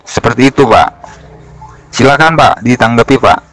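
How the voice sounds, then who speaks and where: A man debating calmly over phone voice notes, asking plain questions in a measured way. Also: medium pitch, poor audio. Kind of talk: voice-note debate.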